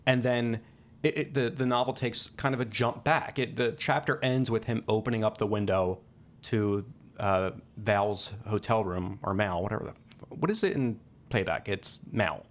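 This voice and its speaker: A podcast co-host with a lowish voice chats casually about movies at a moderate pace. He sounds thoughtful and hesitant, using many fillers.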